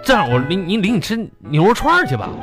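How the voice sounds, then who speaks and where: A man's voice: high voice, huge pitch swings, fast, loud music behind the voice. A man playing a stingy, fumbling husband in a comedic audio sketch, with a Northeastern Chinese accent, stammering and rambling. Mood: grumbling. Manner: stammering, rambling, repeats words.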